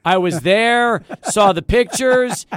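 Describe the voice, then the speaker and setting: A man's voice: sits high, slow, a bit bright, clean tone, no echo. A man hosting a sports talk show, prompting his guest to tell his stories and asking him follow-up questions. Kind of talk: casual talk show chat.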